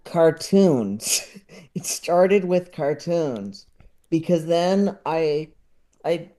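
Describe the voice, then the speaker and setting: Slightly high and animated, yet soft and mellow, this man's voice belongs to a casual podcast guest who speaks slowly with frequent pauses. Enthusiastic but self-deprecating, he often chuckles mid-speech.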